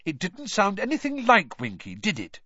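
An earnest teenage girl witch in a fantasy audiobook as a narrator acts her. Her voice is lifted in pitch, nervous yet determined, and she makes her points with urgent insistence. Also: huge pitch swings, moderate pace, bright, forceful tone, dry recording, lo-fi sound, heavily acted.

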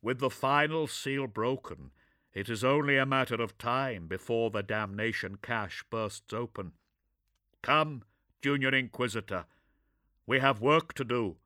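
A man voicing a cold, solemn armoured male warrior with a dry voice, slow and over-enunciating every syllable. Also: mid-range voice, pushed and bright, no echo.

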